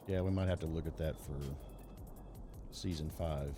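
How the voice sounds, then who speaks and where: A deep, mellow-voiced man hosts a live esports racing event. He talks in a loose, chatty way and jokes easily, with faint music behind him. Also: steady tone, normal speed. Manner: casual, chatty, joking. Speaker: race event host and commentator.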